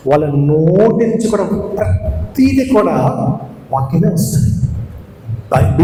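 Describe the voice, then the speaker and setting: A male preacher giving a sermon, emphatic, repeating key words and asking his congregation rhetorical questions. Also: on the high side. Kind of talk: Good Friday sermon. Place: church hall. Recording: echoey church hall, long reverb, faint noise.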